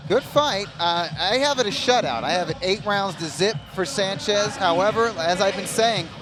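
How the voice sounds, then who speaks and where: A man's voice: high voice, animated, normal speed, background noise. A man giving live boxing analysis as a commentator.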